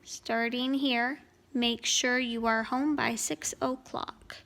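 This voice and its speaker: A woman's voice: a little high, steady tone, slow pace, gravelly, fairly bright tone. A woman teacher working through a grammar lesson at home, explaining each answer patiently.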